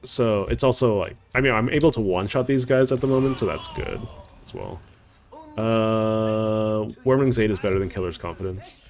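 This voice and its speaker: A man's voice: lowish voice, moderate pace, darkish tone, faint music behind. Rambling man streaming a game. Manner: rambling, heavy on "like" and "uh". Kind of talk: casual gameplay commentary.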